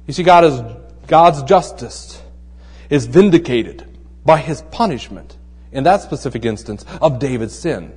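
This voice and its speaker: A man preaching a conversational sermon who asks rhetorical questions and drops into a hushed voice to make his points. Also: medium pitch, measured pace, slightly rough, big-room sound. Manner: tells jokes in a relaxed storytelling way. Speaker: pastor.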